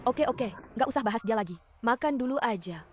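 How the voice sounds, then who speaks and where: A woman's voice: on the high side, lively intonation, a little fast, highs cut off, background noise, natural voice. A woman dubbing an overbearing middle-aged mother who dotes on her son, in a dubbed TV drama. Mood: scolding. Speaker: dub actress.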